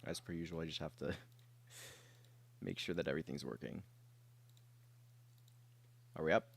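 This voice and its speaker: A man's voice: extremely low pitch, unhurried, vocal fry. A young man who is sick, chatting casually with his livestream viewers from his bedroom, rambling along with lots of fillers and the odd cough. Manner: rambling and laid-back, many fillers. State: sick, with coughs and throat clearing.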